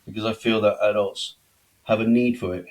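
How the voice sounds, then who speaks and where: Man, middle-aged, low voice, from Belgium, conversational interview guest, self-deprecating. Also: steady tone, a little fast, low-quality recording. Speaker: podcast guest. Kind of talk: conversational life-story interview.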